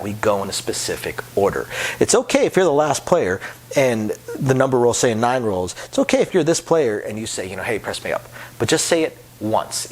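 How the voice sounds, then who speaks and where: A man's voice: lowish voice, slightly rough. A man who works as a craps dealer explains table etiquette in a casual, rambling way, repeating words and using lots of fillers. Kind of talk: casual explanatory talk to camera.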